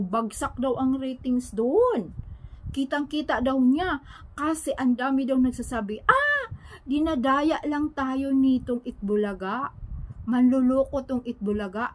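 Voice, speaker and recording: A woman's voice: on the high side, poor audio. A woman chatting casually to her viewers, retelling hearsay and asking them for agreement. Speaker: showbiz gossip vlogger. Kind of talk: casual gossip commentary to viewers.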